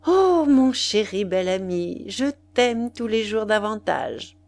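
A woman's voice: mid-range voice, animated, takes it slowly, a little mellow. A woman reading the part of a playful, affectionate young woman who speaks in a teasing manner, in a storybook reading.

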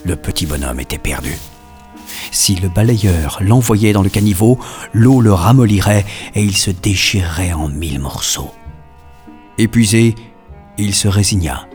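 A man narrating a children's story in an expressive, storytelling manner. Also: low-pitched, measured pace, faint music behind.

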